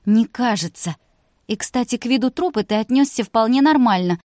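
Woman voicing a sarcastic stubborn young woman, a bit higher and pushier, dry close audiobook sound. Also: expressive, moderate pace, dark tone, no room sound, natural voice. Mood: agitated argumentative. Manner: sardonic, argumentative.

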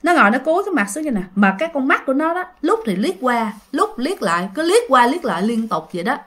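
A woman tells a ghost story in a chatty, conversational way. She keeps turning to her listeners. Her voice is high and bright. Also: sing-song, quick pace. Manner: chatty, addresses listeners directly.

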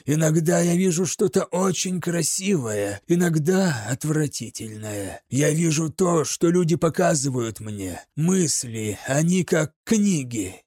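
A man voicing an eerie young witch girl in a dry, slow whisper. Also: a little high, animated, a little mellow, no echo.

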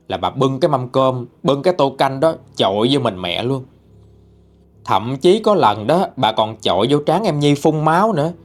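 Lively Southern Vietnamese male storyteller. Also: mid-range voice. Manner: chatty, colloquial retelling. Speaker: storyteller reading listener-sent ghost stories. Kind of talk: spoken ghost story narration. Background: faint music.

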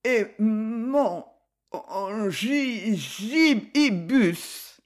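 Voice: medium pitch, sing-song, unhurried. A reader voicing a cool, commanding young woman detective in an audiobook, who can slip into a stammering tipsy act. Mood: fake tipsy. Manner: shifts from drunken stammering to icy command.

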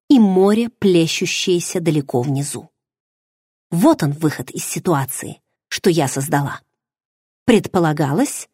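A woman reading a first-person story aloud as an emotional, expressive audiobook narrator on a close microphone. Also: medium pitch, husky, no room sound.

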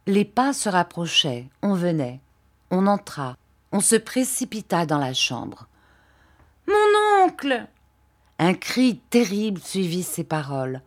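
A woman narrating a classic novel as an audiobook, in a measured and expressive way. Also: fairly low pitch.

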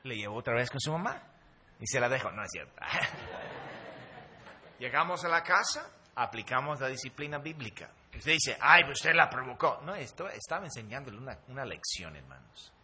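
Middle-aged pastor, emphatic sermon voice, bright and animated. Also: male voice, medium pitch, moderate pace, slight background noise. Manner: animated, emphatic preaching with hesitations.

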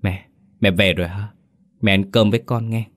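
A man's voice: lowish voice, fairly even intonation, normal speed, no room sound, clean studio sound, close to an everyday voice. A man voicing a grieving grown son who speaks tenderly to his dead mother in a story.

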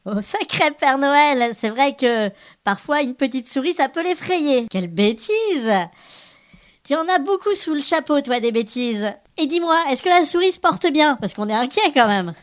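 A woman's voice: high voice, lively intonation, normal speed. A woman playing a cheerful little Christmas elf who hosts a children's podcast with bubbly, playful chatter. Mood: playful, warm. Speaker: podcast host.

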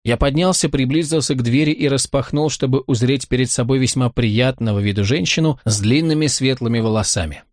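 A man narrating a first-person audiobook in a dry, ironic, measured way. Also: mid-range voice, a little mellow, no room sound.

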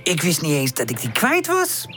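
A woman's voice: low voice, wildly swooping pitch, normal speed, a bit bright, soft background music, heavily acted. A woman voicing a cautious, sensible little female puppy in a children's audiobook, doubtful but loyal. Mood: gentle.

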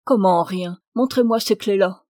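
A woman's voice: medium pitch, measured pace, dark tone, no echo, clean studio sound, natural voice. A woman voicing a cruel prince who angrily accuses his young wife. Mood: furieux. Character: cruel prince, a murderous husband.

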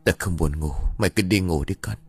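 A man voicing a grieving older village father, gruff and weary as he scolds his son. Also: low voice, brisk, dry recording.

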